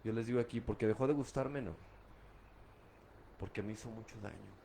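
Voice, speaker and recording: A man's voice: lowish voice, a little fast, vocal fry, warm tone, a little hiss or hum. A middle-aged man from Guadalajara with a Mexican Spanish accent, giving a candid, profane account of his past drinking in street slang. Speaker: guest recounting his addiction. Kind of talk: candid personal testimony.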